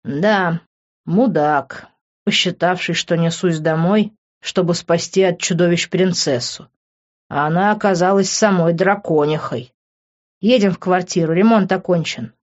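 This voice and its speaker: A man's voice: high voice, measured pace, highs cut off. A reader voicing a sarcastic, teasing young man who mocks his friend in an audiobook. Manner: teasing, ironic.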